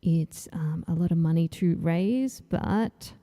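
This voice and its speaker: A woman's voice: on the low side, takes it slowly, dark tone. An Australian woman hosting her own livestream in a casual, chatty way, a little nervous and full of ums as she talks and draws. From Tasmania, Australia. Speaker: comic artist hosting her launch stream. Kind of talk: casual livestream chat while drawing.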